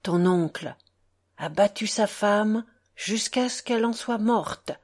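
A woman voicing a grave, deliberate older male foreman of a dye works. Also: medium pitch, a little mellow.

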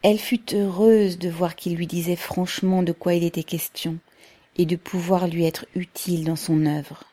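A woman narrating a novel in a measured, unhurried reading. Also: on the low side, steady tone, warm tone. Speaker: audiobook narrator.

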